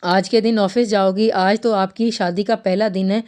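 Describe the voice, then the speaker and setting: A woman's voice: medium pitch, fairly even intonation, clear, resonant tone, lightly acted. A woman voicing an affectionate middle-aged mother-in-law in a romantic novel read aloud. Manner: warm, coaxing.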